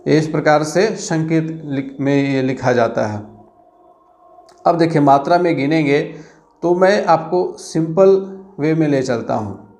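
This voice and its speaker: A man's voice: fairly high pitch, measured pace, a little mellow. A man teaching an exam-prep grammar lesson, counting syllables aloud and checking in with "theek hai" after each point.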